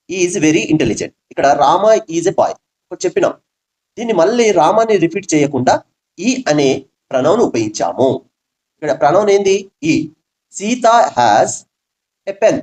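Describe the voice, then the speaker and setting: A man with a Telugu accent teaching English grammar. He reads each English example slowly, then asks the audience a question and answers it himself. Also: on the high side, darkish tone. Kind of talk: classroom-style grammar lesson.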